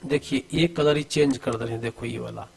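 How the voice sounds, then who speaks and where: A male coaching teacher gives an exam-prep lesson over diagrams. He asks questions, repeats the answers as a drill, and calls students "beta" while urging them to answer fast. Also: mid-range voice, fairly even intonation, creaky, slightly rough, poor audio. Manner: addresses students familiarly, urging quick answers.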